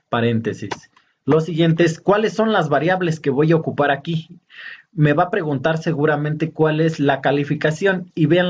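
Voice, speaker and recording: A man teaching a programming lesson over a screen recording, talking slowly and hesitantly as he points out each step. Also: a little high, darkish tone, dull audio. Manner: slow, hesitant, pointing out steps.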